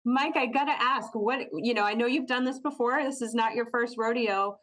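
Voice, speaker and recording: A woman's voice: on the high side, normal speed, fairly bright tone, a little hiss or hum. American woman interviewing for local TV news. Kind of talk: conversational broadcast interview.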